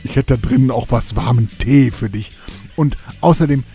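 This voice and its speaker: A man voicing a cheerful, excitable grown man at a carnival party who talks loudly and jovially. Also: mid-range voice, normal speed, creaky, faint music behind, natural voice. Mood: friendly. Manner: jolly, loud, exclamatory.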